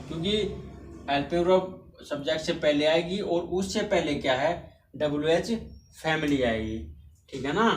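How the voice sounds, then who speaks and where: A man who teaches English grammar in a relaxed classroom way. He repeats points and keeps asking "right?" to check in with his students. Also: a little high. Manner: repetitive, encouraging, frequent tag questions. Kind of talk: casual classroom explanation. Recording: echoey room with faint hiss.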